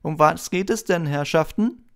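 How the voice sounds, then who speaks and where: A man voicing a vain, pompous adult wizard teacher who booms condescendingly in an audiobook reading. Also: normal speed, clear, resonant tone, close to an everyday voice. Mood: patronizing. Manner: booming, condescending, self-satisfied.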